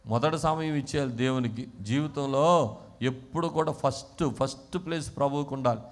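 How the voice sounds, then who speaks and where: A male pastor from Andhra Pradesh preaching a sermon, swinging from quiet talk to shouting and calling the congregation to respond. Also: mid-range voice, moderate pace. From Andhra Pradesh, India.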